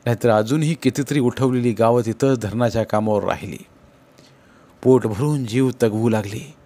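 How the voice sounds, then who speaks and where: A man reads a story aloud in a steady, measured way. His voice sits at an ordinary middle pitch and keeps an even, unhurried audiobook delivery. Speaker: audiobook narrator. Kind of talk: storytelling narration.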